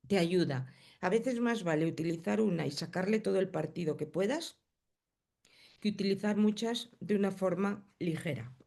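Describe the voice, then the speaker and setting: Hoarse woman teaching a coaching class over a video call, gravelly fry in her voice, talks it through step by step. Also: lowish voice, mellow. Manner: explains step by step, then reads the chat. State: hoarse, coughing. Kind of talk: live online class.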